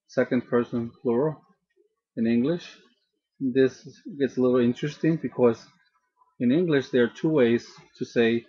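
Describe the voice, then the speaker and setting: A man teaching a grammar lesson slowly and patiently, often repeating and restarting his phrases. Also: medium pitch, breathy edge. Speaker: language teacher. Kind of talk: slow, deliberate grammar lesson. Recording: dull lo-fi recording.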